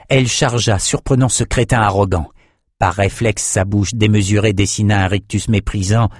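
Low-pitched male narrator, steady measured reading, dry close-miked studio sound. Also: no room sound. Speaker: audiobook narrator. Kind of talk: scripted narration.

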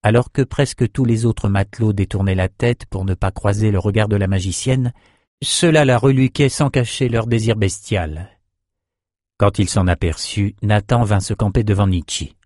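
Man with a dry steady narration. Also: on the low side, normal speed, no room sound. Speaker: audiobook narrator. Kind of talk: scripted narration.

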